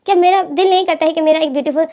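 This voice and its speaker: A woman's voice: very high voice, very fast, dark tone, voice pushed up. A woman voicing a timid, anxious young male college student who complains fretfully. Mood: longing.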